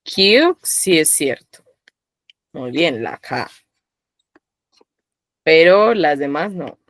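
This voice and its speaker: A woman's voice: sits low, lively intonation, drawn-out words, no room sound. A woman teaching a live online language class, quizzing her students by name and patiently encouraging them. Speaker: Korean teacher.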